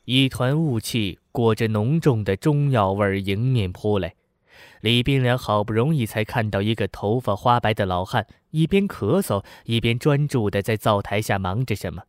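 A man narrating a novel in a measured, somber storytelling manner. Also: on the low side, no echo, clean studio sound. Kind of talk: audiobook narration.

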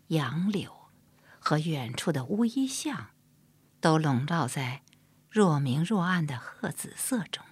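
A woman narrating a historical novel in a measured, soft-spoken storytelling style. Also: deep voice, husky, dry recording. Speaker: audiobook narrator.

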